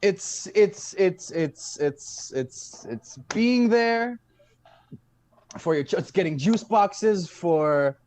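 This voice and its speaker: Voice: mid-range voice, animated, extremely slow, a little mellow. An improv presenter giving a mock-earnest slideshow talk with lots of stammering repeats.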